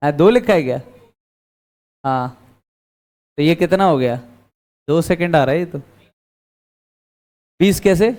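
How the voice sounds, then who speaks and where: Teaching physics in a classroom, a man speaks in a fairly high, darkish voice that is animated yet unhurried, with frequent pauses. He quizzes the students and answers his own questions.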